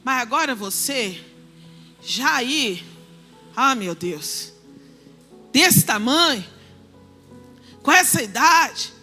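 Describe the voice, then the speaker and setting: A woman in her forties preaching a sermon in church, moving between soft asides and shouted declarations. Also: high-pitched, expressive, extremely slow, pauses often, faint music behind.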